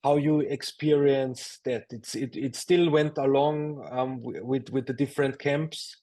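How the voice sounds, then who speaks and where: A man's voice: medium pitch, fairly even intonation, unhurried, dark tone. A man interviewing in Rastafari speech, choosing his words with care and many hesitations. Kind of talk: interview questioning.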